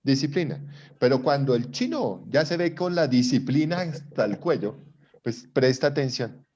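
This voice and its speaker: A middle-aged Colombian man teaches an online class in a voice of ordinary pitch. He talks in a chatty way and keeps asking whether his students are following. The video call audio sounds dull and lo-fi. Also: sing-song, normal speed, a little mellow, slightly rough. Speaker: psychology lecturer.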